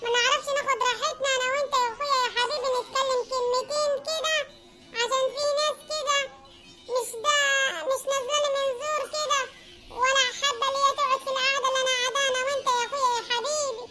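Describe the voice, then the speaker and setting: A woman voicing a touchy, fight-picking sister-in-law, with an Egyptian accent, talking fast and aggrieved. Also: steady tone, over music. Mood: complaining. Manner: quick, shrill and aggrieved, nagging her brother.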